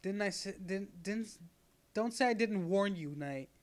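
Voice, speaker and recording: A man's voice: sits high, a little slow. A man streaming a visual novel, joking and swearing while reading along. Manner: profane, excitable, joking. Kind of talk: casual let's-play commentary. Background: game music.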